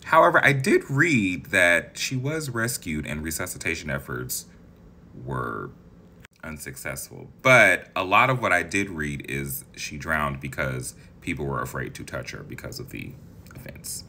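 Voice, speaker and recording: A man in his thirties, a video creator, casually explains facts in a chatty, dramatic vlog full of gossipy asides, filmed indoors at a green-screen setup. His voice is a rumbling low one with big pitch swings, vocal fry and a bright, forceful tone, delivered a little slowly. Slight background noise is present.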